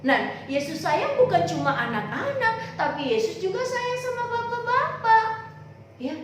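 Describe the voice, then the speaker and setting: High sing-song sunday school teacher lady, slow and bouncy, echoey room. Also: slight background noise. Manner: animated, sing-song, talks straight to kids. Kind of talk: storytelling for children.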